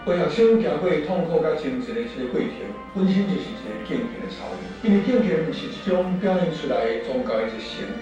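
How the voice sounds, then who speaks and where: A man's voice: a little high, lively intonation, a little fast, hardly any pauses. A man with a Taiwanese Hokkien accent giving an earnest, scripted testimony. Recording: distant, very echoey, dull, music underneath.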